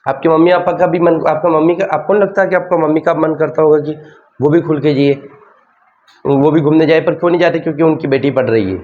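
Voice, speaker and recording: A man's voice: fairly high pitch, steady tone, fast, a little mellow, muffled recording. A male teacher from who gives an exam-prep lecture in a chatty, colloquial way and keeps asking his students questions.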